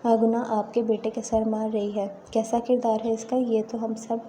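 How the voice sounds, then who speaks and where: A woman's voice: a little high, little pitch movement, dark tone, slight background noise, lightly acted. A woman reading the lines of a wronged young wife in a storybook tale, speaking in a reproachful, pleading way.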